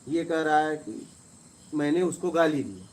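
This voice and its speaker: A man, a spiritual teacher, telling stories to listeners and acting out quarrels in a rising, forceful voice. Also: fairly high pitch, lively intonation, measured pace. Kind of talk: storytelling talk to listeners.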